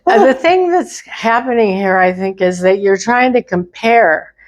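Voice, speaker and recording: A woman's voice: mid-range voice, lively intonation, a little slow. An older woman in casual elderly couple banter, hesitantly thinking aloud as she talks. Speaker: co-host in a couple's discussion.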